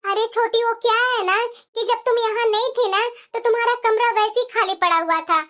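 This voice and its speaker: A woman voicing a bossy, taunting elder sister-in-law in a cartoon, giving sharp orders. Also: very high-pitched, fairly even intonation, a little fast.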